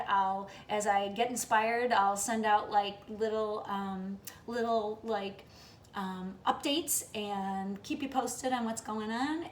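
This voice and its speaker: A woman's voice: medium pitch, reverberant, a little hiss or hum. A woman in her late fifties talking casually to her viewers in an upbeat, chatty way, often checking in with "okay?". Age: late 50s. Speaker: vlogger. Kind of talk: casual vlog talk to viewers.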